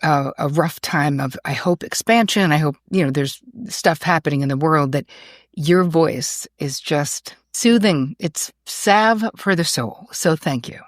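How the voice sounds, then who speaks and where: Low-voiced gushing woman host. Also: measured pace, no room sound, studio quality. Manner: gushing, animated, with laughs and fillers. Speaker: podcast host. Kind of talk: effusive interview chat.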